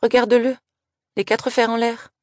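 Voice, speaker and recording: A woman reading aloud and voicing an excitable young schoolgirl who talks eagerly. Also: deep voice, fast talker, no echo, clean studio sound, close to an everyday voice. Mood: startled. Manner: eager and scheming.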